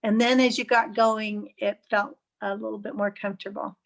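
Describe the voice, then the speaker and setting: A woman's voice: mid-range voice, level tone, normal speed, gravelly. A woman giving encouraging, chatty feedback on a speech over a video call. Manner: encouraging, chatty, gently picky. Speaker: speech evaluator. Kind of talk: giving spoken feedback in an online club meeting. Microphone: computer mic on a video call.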